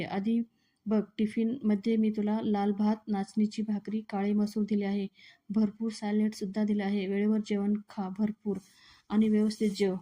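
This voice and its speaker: Woman voicing a strict young husband, lecturing, flat delivery, dark mellow tone. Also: mid-range voice, natural voice. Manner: stubborn, lecturing. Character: strict young husband acting as fitness trainer.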